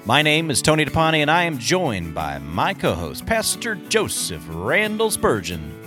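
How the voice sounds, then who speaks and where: A man hosting a podcast in casual chat, jokey and quick to laugh, sometimes mock-exasperated. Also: fairly high pitch, huge pitch swings, music in the background. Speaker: podcast host.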